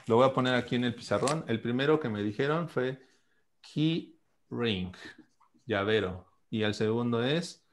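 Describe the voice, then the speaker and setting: Over a video call, a man with a mid-range voice teaches English to children online, speaking slowly and patiently as he repeats phrases and spells them out.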